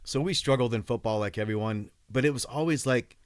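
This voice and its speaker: A man's voice: mid-range voice, brisk, clear, resonant tone, no echo, studio quality. A man in his late forties from Iowa, a podcast guest talking in an easygoing, friendly way. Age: 40s. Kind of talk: casual podcast interview.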